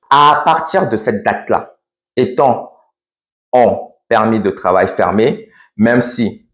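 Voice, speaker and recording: A man with a lowish voice vlogging in a blunt, matter-of-fact way, often restarting his sentences. His voice echoes noticeably around the room he records in. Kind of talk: casual explainer vlog.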